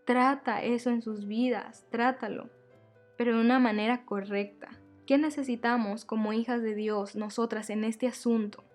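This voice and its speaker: A woman's voice: on the high side, fairly even intonation, moderate pace, a little mellow, faint music behind. A woman giving a devotional teaching to women, earnest and repeating her key phrases as she addresses her listeners as sisters.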